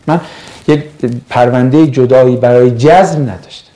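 Sarcastic, warm-voiced man from Mashhad. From Mashhad, Iran. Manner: animated and sarcastic, pitch jumping up and down. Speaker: religious teacher answering viewer questions. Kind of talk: live question-and-answer chat.

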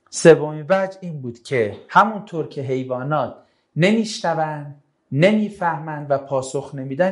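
Animated, fairly high-voiced male religious lecturer. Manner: animated, rhetorical questions, acts out exchanges. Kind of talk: lecture with audience questions.

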